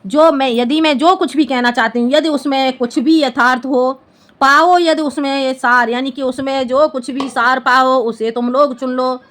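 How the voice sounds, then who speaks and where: A woman's voice: high-pitched, steady tone, moderate pace, a bit bright. A woman Hindi teacher who explains a poem line by line and often checks whether her students have understood. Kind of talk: classroom-style poem explanation.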